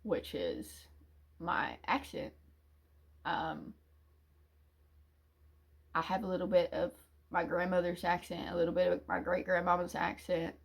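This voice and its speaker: A woman on YouTube gives an emotional, faltering confessional, a little slow, with frequent pauses, vocal fry, and a breathy quality. She restarts and sighs often, sometimes dropping to a low, quiet mumble.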